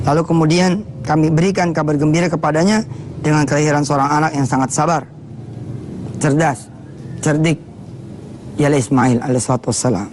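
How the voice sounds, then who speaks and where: An Indonesian man giving a televised sermon, chanting Arabic verses slowly and explaining them in relaxed everyday speech. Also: fairly high pitch, a little hiss or hum. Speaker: TV preacher.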